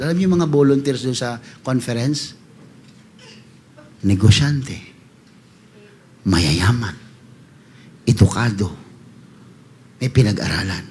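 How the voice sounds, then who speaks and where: A man preaching a sermon as pastor, animated, voicing congregants in quick asides and rising to loud calls to the congregation. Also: medium pitch, slight background noise.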